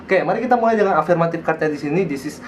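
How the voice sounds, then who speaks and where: An Indonesian-accented man hosts a casual tarot reading in a conversational way. He cannot quite roll or sound his r's, which come out soft. His sentences often end in repeated little tags, over faint background noise. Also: on the high side, rapid-fire. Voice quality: slight lisp with soft, imperfect r sounds. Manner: conversational, repeats tag phrases. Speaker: tarot card reader and online host.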